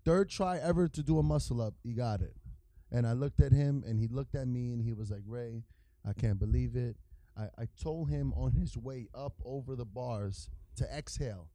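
A man's voice: mid-range voice, moderate pace, warm tone, no echo, rough recording. A man with a New York accent, a guest telling gym stories in casual chat. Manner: storytelling, repeats words and restarts. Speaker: guest, fitness trainer.

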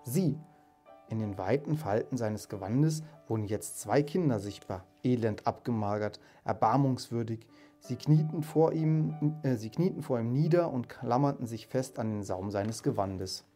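A man reading a classic story aloud in a calm, measured way, then talking to his viewers. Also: medium pitch, soft background music. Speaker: reader and channel host. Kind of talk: audiobook reading.

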